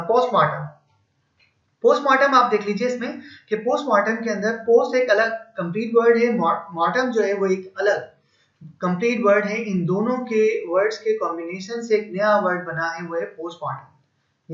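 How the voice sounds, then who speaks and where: High-voiced man teaching in an echoey room. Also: a bit bright. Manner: patient, step-by-step explaining with examples. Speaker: English teacher. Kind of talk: explanatory lesson. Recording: echoey room, slightly dull sound.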